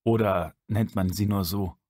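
A man's voice: fairly low pitch, fairly even intonation, a little slow, a little mellow. A man voicing a polite, curious young man who talks a little hesitantly in an audiobook. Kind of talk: audiobook character voice.

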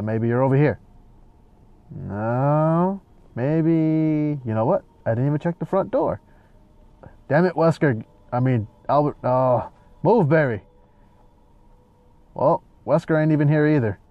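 A man's voice: mid-range voice, lively intonation, unhurried, pauses often, no room sound, phone-quality sound. A man giving casual gameplay commentary, joking and sarcastic as he talks back at the game.

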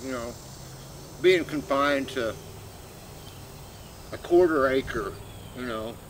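A middle-aged man chats casually and haltingly while chewing his food, rambling with trailing pauses as he eats outdoors. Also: medium pitch. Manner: chewing and eating while talking. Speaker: vlogger. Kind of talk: casual mukbang chat addressed to one person. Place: outdoors in a shady grassy backyard. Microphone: camera a few metres away. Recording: outdoor background noise, insects, distant vehicles.

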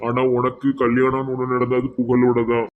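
A man's voice: medium pitch, completely flat delivery, normal speed, phone-quality sound, a little hiss or hum, natural voice. A man playing a grieving, stern middle-aged widowed father with a Tirunelveli Tamil accent, speaking earnestly. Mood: sad.

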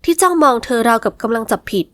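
A woman narrating a romance novel in smooth, scripted storytelling. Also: a little high, expressive, fast, a bit bright, dry recording. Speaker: audiobook narrator.

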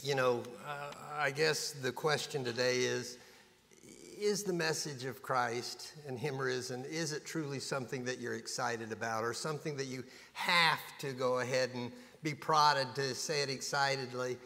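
Folksy preacher in a reverberant church. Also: male voice, mid-range voice, steady tone, normal speed, pushed and bright. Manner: folksy, conversational preaching with humor. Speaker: pastor. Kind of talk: sermon. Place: church sanctuary. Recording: long reverb of a church hall.

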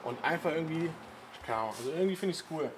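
A man chatting casually about a classic car in his garage vlog, laughing often and tagging sentences with quick questions. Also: a little high, lively intonation, slight background noise. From Italian family background. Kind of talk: casual chat.

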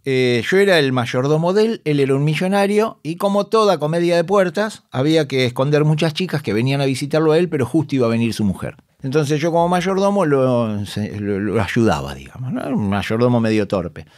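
Lively Rioplatense man telling stories. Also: fairly high pitch, brisk, few pauses, no echo, clean studio sound. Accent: Rioplatense Spanish. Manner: animated, acts out voices of colleagues, laughs often. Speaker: guest, actor and comedian. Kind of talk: casual anecdote telling. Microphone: studio microphone.

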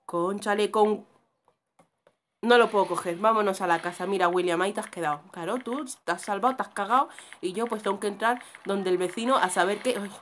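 A woman's voice: medium pitch, brisk, a bit bright, slight background noise. A young woman giving nervous, jumpy commentary as she plays a horror game, talking to herself and shrieking when scared. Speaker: gaming YouTuber.

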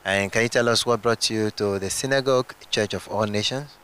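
A man's voice: on the low side, brisk, fairly bright tone, clean tone. A man interviewing people on a church stage, asking formal, prompting questions.

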